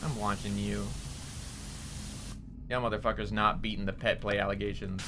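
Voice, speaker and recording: Rambling and chatty, a young male streamer answers his chat as he plays a game, his voice nasally and fairly low with little pitch movement. He talks at a normal speed over background noise.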